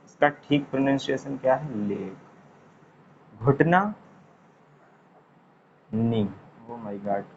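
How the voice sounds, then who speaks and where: A male teacher gives a relaxed classroom lesson, repeating each word slowly and chatting between the words. His voice sits at an ordinary middle pitch. The recording is dull and lo-fi, with a faint hiss behind him. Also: gravelly. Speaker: English teacher. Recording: dull lo-fi sound, faint noise.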